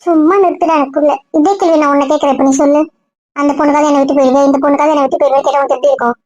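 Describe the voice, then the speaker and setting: A blunt young woman friend, played by an actress, who lectures in a sharp, rapid-fire way. Her voice sits very high and races along. The recording is dry and a little dull. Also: flat delivery, dry recording, close to an everyday voice. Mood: scolding. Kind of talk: web drama acting.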